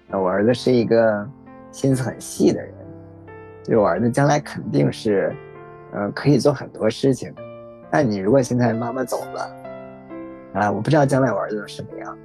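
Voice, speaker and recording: A young man in a podcast, telling a painful personal story in a quiet, reflective way. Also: mid-range voice.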